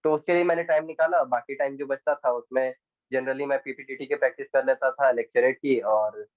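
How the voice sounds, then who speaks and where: A teenage boy from India answers interview questions haltingly, restarting and slipping into English phrases now and then. The sound is thin and phone-like, and bone dry, as if it came over a video call. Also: mid-range voice, steady tone, no room sound. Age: teens. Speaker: interview guest, exam candidate. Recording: tinny dry phone-like line.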